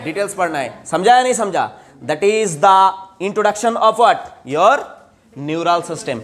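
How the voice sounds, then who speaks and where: Quizzing high-voiced male biology teacher. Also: lively intonation, slow pace, a bit bright. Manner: repeats questions and asks students to answer back; mixes English terms into Hindi speech. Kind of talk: classroom lecture.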